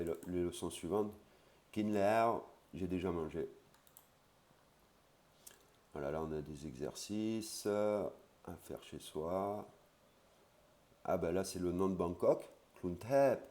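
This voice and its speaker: A man with a very low voice gives a casual language lesson. He says each foreign word slowly and carefully, then explains it in a relaxed way, with frequent "voilà"s. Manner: spells out Thai words slowly, then explains them; casual, with fillers like "hein" and "voilà". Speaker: Thai language teacher.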